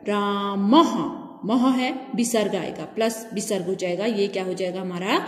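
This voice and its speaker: A woman's voice: mid-range voice, normal speed, darkish tone. A woman teaching a grammar lesson who asks her own questions and answers them, spelling out sounds one by one. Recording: echoey room with long reverb.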